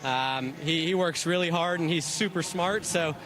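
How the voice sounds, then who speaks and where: A young man answering post-race interview questions in an upbeat, halting way, often repeating words. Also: on the high side, a crowd in the background. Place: outdoors at a racetrack. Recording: noisy outdoor track interview.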